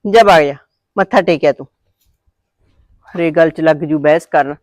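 A woman playing a sharp-tongued, taunting mother-in-law. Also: deep voice, moderate pace, no room sound, natural voice. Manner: taunting, sarcastic. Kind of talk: amateur short-film acting.

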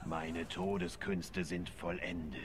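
An actor playing a solemn, menacing dark elf executioner devoted to death in a video game. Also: male voice, deep voice, level tone, slow. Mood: grim, menacing. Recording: game music behind.

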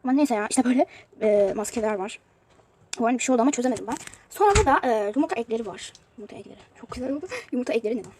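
A woman's voice: on the high side, lively intonation, rapid-fire, warm tone, a little hiss or hum. A woman giving casual commentary on a mobile game she is playing, chatty and prone to exasperated outbursts. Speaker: youtuber showing a mobile game.

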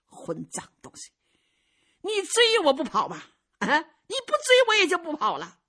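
A woman's voice: high voice, wildly swooping pitch, a little slow, fairly bright tone, pitched above the performer's own voice, heavily acted. A woman voicing an eccentric, playful old male swordsman who rambles and jokes. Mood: gruff. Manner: rambling, jokey, drawls old-fashioned phrases.

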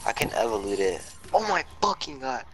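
A man's voice: medium pitch, sing-song, a little fast, loud music behind the voice, rough recording. A man in casual gaming chat with a friend, laid-back and swearing casually while he plays. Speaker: gamer.

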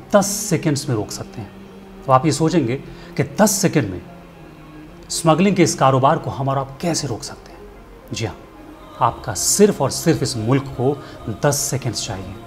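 In an indoor studio set, a middle-aged filmmaker and storyteller delivers a scripted commentary segment to camera, his mid-range voice very animated at a normal speed. He is earnest and persuasive, using rhetorical questions, with a music bed playing underneath.

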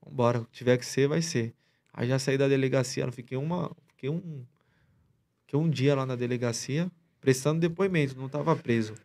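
A man's voice: medium pitch, fairly quick, gravelly, darkish tone. A man as a podcast guest, retelling a story in a rambling, slangy way with many restarts. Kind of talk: casual storytelling chat.

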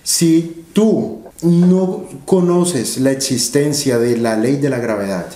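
A man talks through ideas patiently, leaning on rhetorical questions. His voice sounds mellow and dark. The room around him rings with an echo. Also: medium pitch, slow pace. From Colombia. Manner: explanatory, uses analogies and rhetorical questions, gestures with hands. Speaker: interviewee, finance educator. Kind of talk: seated interview conversation. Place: office room with large windows. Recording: roomy office echo.

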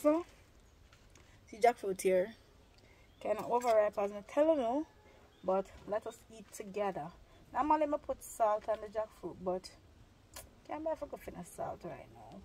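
This young woman is outdoors in a yard beneath a tin-roofed shed, recording her cooking vlog on a phone at arm's length. Her mid-range voice is mellow and unhurried, with big pitch swings and long pauses. She eats while chatting straight to viewers, and the rough recording carries slight background noise.

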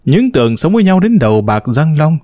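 Man putting on a bitter older woman, venomous, scolding, lively voice, storybook. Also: fairly high pitch, a little fast, dry recording, studio quality. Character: sharp-tongued older widow, furious mother.

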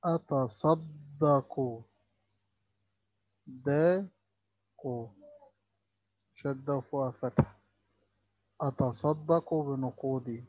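A man's voice: mid-range voice, moderate pace, long pauses, dry recording, highs cut off. A man with an Egyptian Arabic accent teaching a lesson for young children, stretching out each sound as he spells words.

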